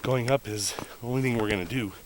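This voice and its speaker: A man narrates his hike in a casual, upbeat vlog style, pointing out the trail and the scenery. He is recorded outdoors on a camera mic, and clear background noise sits under his voice. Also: mid-range voice, quick pace. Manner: easygoing, chatty, upbeat about the scenery. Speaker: vlog host. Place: outdoors on a desert mountain trail.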